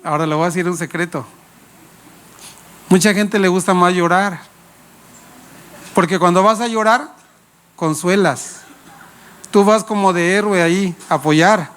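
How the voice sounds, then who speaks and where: A man's voice: high-pitched, unhurried, long pauses, a bit bright, clean tone. A male pastor, preaching a sermon with playful anecdotes and questions to the congregation. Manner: playful, laughs while telling anecdotes.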